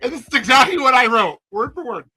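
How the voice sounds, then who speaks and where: A man co-hosting a podcast, chatting in a blunt, excitable way and laughing often. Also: very high voice, quick pace, breathy edge, no echo. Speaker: podcast co-host. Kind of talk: casual chat.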